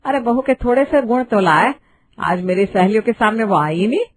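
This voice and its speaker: A woman's voice: a little high, animated, brisk, a little hiss or hum, close to an everyday voice. A woman voicing a fussy middle-aged mother-in-law in a cartoon, grumbling and fretting. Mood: fretful. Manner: grumbling, fretful.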